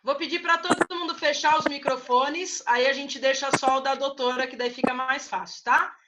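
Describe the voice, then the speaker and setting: A woman moderating a video call, giving brisk, practical instructions. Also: high-pitched, fairly even intonation. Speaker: meeting moderator. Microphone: video call microphone. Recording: very noisy video call audio.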